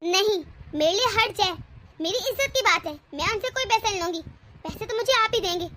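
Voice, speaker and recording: A woman doing a shrill defiant young wife. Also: animated, brisk, pushed and bright, slight background noise, full character voice. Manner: indignant, scolding. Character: young quarrelsome wife, sharp-tongued and defiant. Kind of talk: animated cartoon dubbing.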